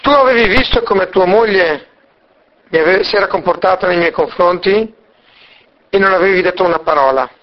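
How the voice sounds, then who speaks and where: A man's voice: sits high, normal speed, natural voice. Man doing a reproachful wife remembering a past slight, muffled recording. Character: woodcutter's wife, former orphan kitchen helper, reproachful.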